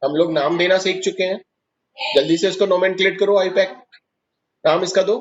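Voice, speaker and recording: Man, chemistry teacher, classroom lecture, step-by-step explanations, quizzes the students, higher voice, muffled lo-fi sound. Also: fairly even intonation, moderate pace.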